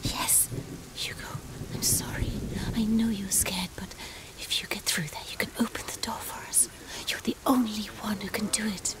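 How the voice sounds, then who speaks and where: An actress playing a protective mother in a video game, in whispered role-play, urging her children on softly. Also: mid-range voice, steady tone, moderate pace, hardly any pauses, noisy background, lightly acted. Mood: soothing. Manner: urgent, soothing whisper.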